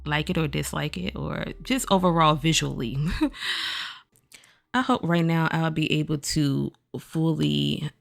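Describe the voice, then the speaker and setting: A woman's voice: low-pitched, slow pace, creaky. A woman creator giving a casual overview of a new game pack, chatting straight to her viewers with a groggy morning voice. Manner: chatty, addresses viewers directly as "y'all". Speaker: gaming video creator.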